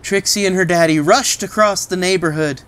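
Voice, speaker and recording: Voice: mid-range voice, moderate pace, a bit bright, clean tone. A storyteller reading a picture book aloud expressively, with casual asides that explain things simply, as to a small child.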